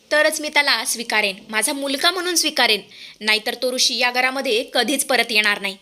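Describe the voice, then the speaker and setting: A woman's voice: high voice, pushed and bright. Woman playing a contemptuous villainous mother-in-law. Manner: harsh, contemptuous. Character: domineering proud mother-in-law, cold villain.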